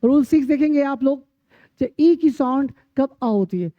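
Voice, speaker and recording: A woman's voice: sits high, animated, moderate pace, no room sound. A woman teaching English pronunciation in a lesson, drilling word lists and asking and answering her own questions. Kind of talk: classroom-style lesson. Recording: dry, dull lo-fi sound.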